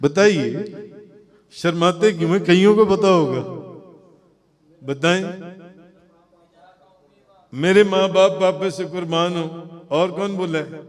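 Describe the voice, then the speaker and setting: A man preaching at a devotional gathering, questioning his audience and chanting verses in a drawn-out singing tone. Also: high voice. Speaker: Sufi preacher. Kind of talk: devotional sermon. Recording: long hall reverb.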